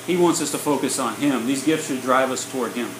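A man's voice: medium pitch, unhurried. A man preaching a sermon in short sections, retelling it in a plain, conversational way. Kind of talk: sermon storytelling, paused for interpretation. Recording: roomy, echoey room with a faint air-conditioner hum.

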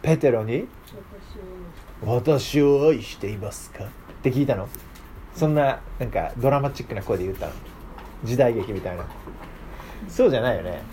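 With a medium-pitched voice, this male Bible class teacher talks fairly quickly and pauses often, with slight background noise behind him. His informal lesson is lively and interactive, full of questions for his listeners.

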